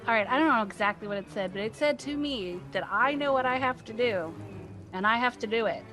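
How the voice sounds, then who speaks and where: Anxious higher-voiced woman player. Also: a little fast, a bit bright, faint music behind, rough recording. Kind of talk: tabletop role-play chat.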